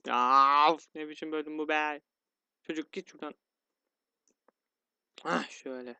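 A man's voice: a little high, fairly even intonation, unhurried, gravelly, sharp tone, clear, resonant tone, no room sound. A man commentating his own gameplay, grumbling and getting easily frustrated, with sighs and yelps. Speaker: gaming YouTuber. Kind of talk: let's play commentary.

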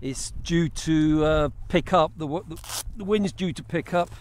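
Sitting in a kayak on open water, a middle-aged fishing vlogger from England speaks a little slowly in a voice on the high side. He casually talks his action camera, mounted on the kayak, through his fishing step by step, often beginning phrases again.

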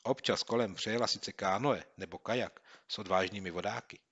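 A man reading a children's book aloud as a narrator, with steady storytelling delivery. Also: lowish voice, husky, dull audio. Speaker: audiobook narrator. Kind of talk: scripted narration.

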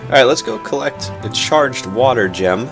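A young man hosts a casual let's play for his gaming channel, chatty, playful and quick to get excited, with game music behind him. His medium-pitched voice is creaky, moves at a moderate pace, and sounds a little stuffed up.

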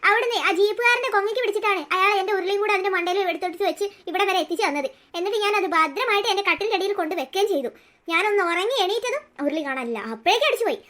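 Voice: very high voice, lively intonation, bright, forceful tone, exaggerated voice. A voice actor doing a furious old cartoon grandmother. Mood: angry. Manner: scolding, threatening, quick-talking. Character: hot-tempered old grandmother, possessive and shouting. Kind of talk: cartoon story voice acting.

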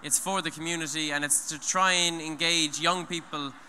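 On stage in a large hall, a young adult Irishman gives an earnest, rambling eco-event talk into a handheld mic, dotted with restarts and "you know". He speaks at a moderate pace in a fairly high, steady voice that sounds pushed and bright. The recording has long hall reverb and faint noise.

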